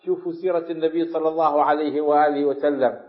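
A man preaching a sermon, telling stories that drop to a hush and rise for emphasis. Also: on the high side, fairly even intonation, quick pace. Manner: storytelling, dropping to hushed tones and rising in emphasis. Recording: echoey, dull lo-fi recording.

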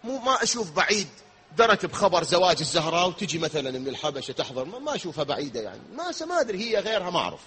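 A man's voice: high-pitched, sing-song, racing, bright, forceful tone, slight background noise. Man preaching, then chanting a lament. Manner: shifts from conversational storytelling to melodic wailing chant. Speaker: Shia preacher reciting elegy.

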